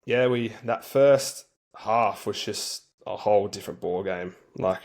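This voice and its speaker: A man's voice: fairly low pitch, measured pace, darkish tone. A man speaking as an interview guest, telling stories in a laid-back, colloquial way with plenty of slang. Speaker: interview guest, rugby league player for a national team. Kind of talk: casual interview storytelling.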